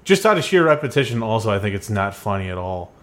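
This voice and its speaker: A man's voice: lowish voice, big pitch swings, fast talker, a bit bright. Young man ranting and joking casually. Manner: profane, joking rants. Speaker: podcast co-host. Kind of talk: casual chat.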